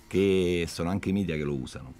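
Low-voiced man in his fifties. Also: fairly quick, warm tone, faint music behind. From Naples, southern Italy. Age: 50s. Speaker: film director guest. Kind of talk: casual radio interview. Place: indoor radio studio. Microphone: studio mic on boom, headphones. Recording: clear background studio noise.

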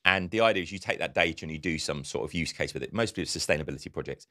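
A man co-hosts a marketing podcast in an easy, conversational way. His voice sits very low and deep, and he livens his stories by acting out the quotes. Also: racing. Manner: animated storyteller, acts out quotes. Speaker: podcast co-host. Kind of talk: casual conversational podcast chat.

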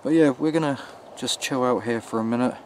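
A young man in his twenties speaks uneasily to viewers as he hosts a casual night vlog. His medium-pitched voice is caught on a handheld camera outdoors, with faint noise behind it. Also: brisk. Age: 20s. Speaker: vlog host. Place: outdoors in woods and open field at night. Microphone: camera mic, handheld.

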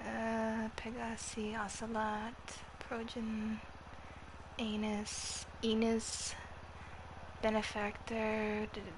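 A woman's voice: a little high, a little hiss or hum. A woman in her twenties with a youthful, girlish voice, chatting casually with viewers on a live gaming stream and swearing freely. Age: 20s. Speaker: livestreamer.

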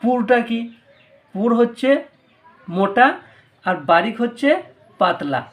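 A man with a Bangladeshi Bengali accent gives a patient, step-by-step tutorial on Quran recitation rules, saying each rule twice. His voice is high, slow, and a bit bright.

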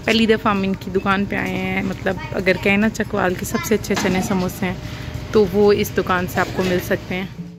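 A woman's voice: medium pitch, little pitch movement, moderate pace, music in the background. A woman from Pakistan with a Punjabi Urdu accent, chatting casually as a food vlogger and questioning a shopkeeper. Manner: chatty, asks shopkeeper questions, says matlab often. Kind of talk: casual food vlog narration. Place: outdoors in a busy market street and small shop. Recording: phone audio with loud street noise.

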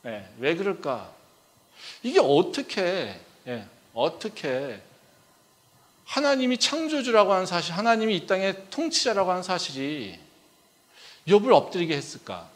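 A man preaching a sermon as pastor, talking in a conversational way and acting out dialogue, swinging between loud pleas and quiet asides, often dropping in a short filler. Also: high-pitched, big pitch swings, unhurried. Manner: frequent filler "ye".

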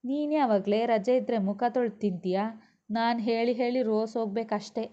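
A woman's voice: on the high side, fairly quick, mellow, close to an everyday voice. A woman voicing a blunt middle-aged mother who scolds her daughter. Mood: scolding. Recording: dull lo-fi recording.

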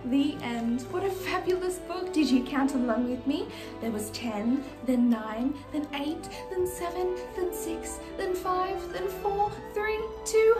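A young woman playing a sweet, gracious fairy-tale princess, reading in an animated, sing-song way for small children. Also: sits high. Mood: cheerful, gracious. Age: young adult. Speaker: children's party entertainer reading a storybook. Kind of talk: children's storybook reading in character. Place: small decorated room indoors. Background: music.

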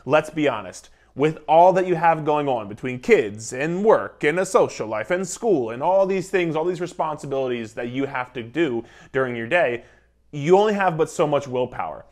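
Thirties guy coaching on camera, lively and emphatic, bit higher pitched, lapel mic at home. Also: normal speed. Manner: energetic, emphatic, gestures a lot while talking. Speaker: nutrition coach. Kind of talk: casual instructional talk to camera. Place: living room indoors, beside a whiteboard.

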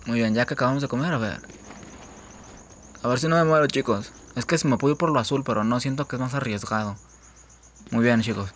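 A young man with a Mexican accent giving casual gameplay commentary, joking, swearing freely, laughing often and breaking into sudden high-pitched yelps. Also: a bit bright, slight background noise. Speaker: gaming YouTuber.

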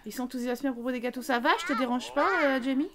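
A woman's voice: sits high, little pitch movement, rapid-fire, crowd noise. A woman chatting casually as she streams a life-sim game, teasing the characters and talking to them.

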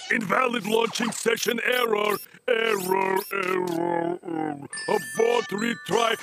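Glitching cartoon robot. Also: male voice, high-pitched, slow pace, over loud music. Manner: flat mechanical commands. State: glitching, repeating error messages. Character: cold male robot pet catcher. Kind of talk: cartoon voice acting.

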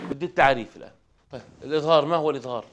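A man teaching a Quran recitation class, asking the students quick questions in a conversational way. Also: on the high side, dull audio, background noise.

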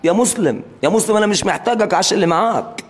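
A man's voice: sits high, lively intonation, very fast. A man making an impassioned, repetitive plea in a live interview. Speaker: interviewee, brother of a singer.

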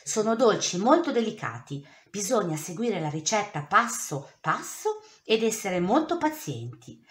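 A woman's voice: medium pitch, big pitch swings, a little slow, roomy sound. A woman voicing a patient friend who bakes, in a storybook reading, with a chirpy, instructive manner. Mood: cheerful.

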